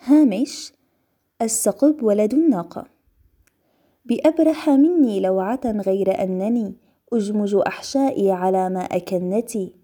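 A woman reading classical poetry aloud in a measured recitation, pausing for short explanatory glosses. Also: medium pitch, mellow, slightly rough. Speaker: reader.

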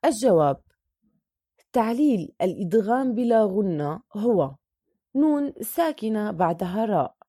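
Woman, teacher, methodical worksheet reading, lively pitch, mellow tone, dry close sound. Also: unhurried, no room sound. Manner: methodical, reads each answer in turn, draws out example words. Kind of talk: reading a Quran recitation worksheet aloud.

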